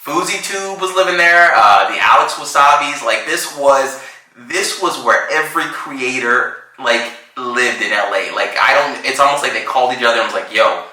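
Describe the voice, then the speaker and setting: Animated slangy man telling a story. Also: medium pitch, normal speed, heavy reverb, rough recording. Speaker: podcast co-host. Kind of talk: casual storytelling chat.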